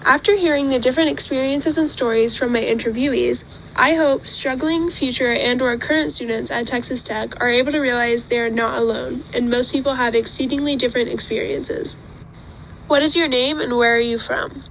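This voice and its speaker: A young woman in college hosting a student podcast, reading a prepared script in a measured way. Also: high-pitched, fairly even intonation, fairly bright tone, slight background noise, low-quality recording. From United States. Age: young adult.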